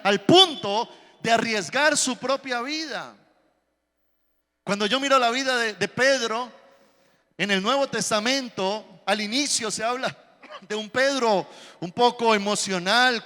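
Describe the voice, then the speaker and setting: A pastor preaching with dramatic storytelling flair. His voice sits high and sounds bright and forceful, and a long church reverb trails every line. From Colombia. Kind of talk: sermon.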